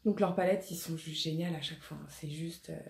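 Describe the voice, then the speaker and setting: A woman's voice: deep voice, fairly even intonation, a little fast, gravelly, darkish tone. A woman, hesitant and chatty in a casual beauty haul video, with many fillers. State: slight cough after illness. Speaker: beauty vlogger. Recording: echoey room, faint noise.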